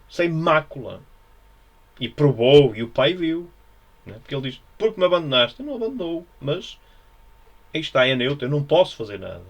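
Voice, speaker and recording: A man with a European Portuguese accent giving an informal Bible study, musing and repetitive, often checking with his listeners. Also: a little high. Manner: musing, repetitive, frequent tag questions. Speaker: religious teacher.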